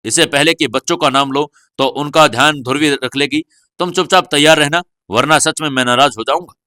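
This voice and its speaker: A man's voice: a little high, a little fast, no echo, clean studio sound. A man voicing an affectionate, confident husband who teases and coaxes his wife. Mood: teasing. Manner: warm teasing, coaxing.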